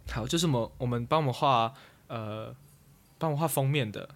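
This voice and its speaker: A man's voice: mid-range voice, moderate pace. A young man telling a rambling story as a podcast co-host, trailing off and restarting. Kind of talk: casual chat.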